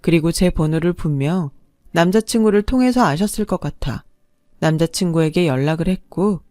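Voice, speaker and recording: Brief: young woman, measured first-person storyteller, dry close sound. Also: fairly low pitch, no echo. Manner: calm, measured, confiding.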